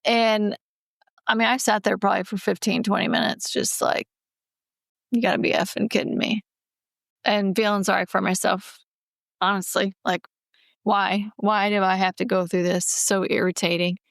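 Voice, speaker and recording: Gravelly-voiced woman co-hosting a podcast. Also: medium pitch, level tone, normal speed, a bit bright, no echo, clean studio sound. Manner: candid, emotional storytelling. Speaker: podcast co-host. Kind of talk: casual chat.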